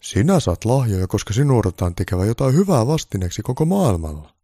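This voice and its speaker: A man's voice: lowish voice, very animated, mellow, breathy edge, no echo, voice pushed up, exaggerated voice. A man doing a blunt, matter-of-fact Santa Claus. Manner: dry, matter-of-fact, firm.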